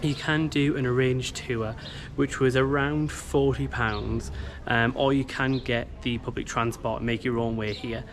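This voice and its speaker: A man's voice: medium pitch, little pitch movement, measured pace, a little hiss or hum. A man talking casually to camera as a travel vlogger.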